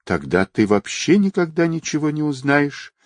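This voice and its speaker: A man's voice: fairly high pitch, sing-song, normal speed, no room sound, pitched above the performer's own voice. A man reading aloud, voicing a teasing young man who answers curtly and stays unruffled. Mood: unflappable. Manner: curt, offhand.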